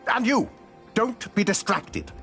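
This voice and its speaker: A haughty lecturing prior. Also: male voice, high-pitched, wildly swooping pitch, slow, creaky, pushed and bright, soft background music, heavily acted. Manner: lecturing, condescending. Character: stern haughty male prior, condescending. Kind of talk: video game voice acting.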